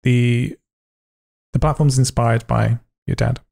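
A man's voice: medium pitch, steady tone, slow, vocal fry, a little mellow. A young man hosting a podcast interview, rambling, joking and cutting himself off mid-sentence. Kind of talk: casual conversational interview.

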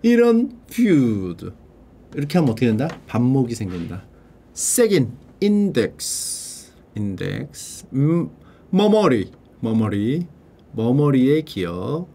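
A man's voice: mid-range voice, very animated, dark tone, breathy edge. A man streaming casually, playfully sounding out English vocabulary and translating it. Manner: playful, drawls out English words slowly and repeats them; mutters and swears under his breath. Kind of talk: casual livestream vocabulary study.

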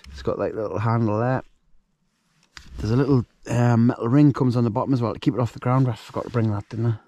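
A fast-talking man with a mellow, medium-pitched voice and fairly even intonation, recorded with no echo, vlogs from a wild camp at night. He cooks, shows his gear, jokes around and drifts into rambling asides in a casual outdoor cooking video.

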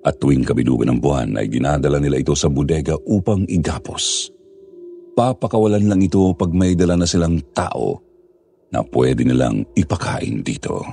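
A man narrating a scripted horror story in a grave, measured storytelling manner. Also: extremely low pitch, creaky, mellow.

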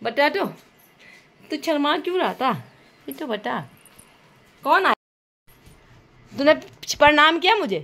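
High, sing-song young mother teasing her toddler. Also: animated, slow pace, long pauses, fairly bright tone. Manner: teasing, coaxing, laughs often. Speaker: mother and family vlogger. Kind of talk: playful baby talk with a toddler.

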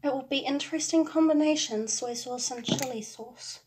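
A young adult woman chatting casually in short, halting remarks as she hosts a homemade food video at a table indoors. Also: sits high. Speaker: host of home food challenge video. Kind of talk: casual vlog chat while preparing and eating food. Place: indoors at a kitchen or dining table. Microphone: phone propped at arm's length. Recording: very noisy phone recording with clicks.

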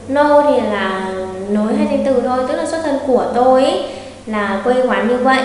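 A woman teaching an online language lesson, patiently repeating example phrases slowly. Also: high-pitched. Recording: very echoey room with long reverb.

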